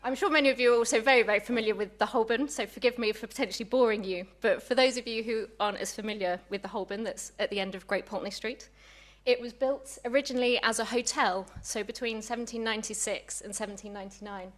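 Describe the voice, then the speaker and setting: A woman's voice: fairly high pitch, fast talker. A young woman, a museum curator, giving a public lecture in a chatty, friendly way, a little out of breath. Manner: warm, chatty, apologetic asides. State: slightly out of breath.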